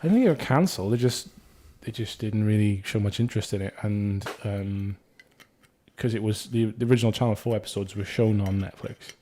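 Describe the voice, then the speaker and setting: Relaxed low-voiced man, rambling. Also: a little fast. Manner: rambling, swears casually. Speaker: podcast host. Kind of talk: casual chat.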